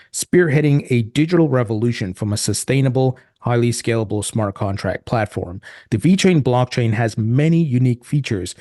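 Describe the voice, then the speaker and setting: A man's voice: mid-range voice, mellow, no room sound, clean studio sound. A man hosting a podcast, reading a sponsor message and asking friendly, upbeat questions. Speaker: podcast host. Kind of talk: podcast interviewing and sponsor read.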